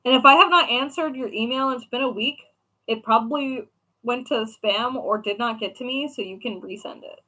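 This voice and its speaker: A woman's voice: fairly high pitch, moderate pace, bright, forceful tone, rough recording. A young woman and craft shop owner chatting casually with viewers, rambling along with lots of fillers. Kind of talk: casual chat answering viewers.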